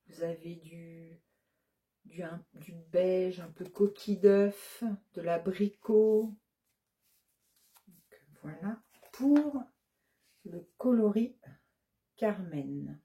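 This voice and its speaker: In a laid-back show-and-tell, a yarn shop owner shows off her latest colorways to the camera and goes through the colors one at a time, hesitating with lots of fillers. She speaks in a lowish voice with a dark tone.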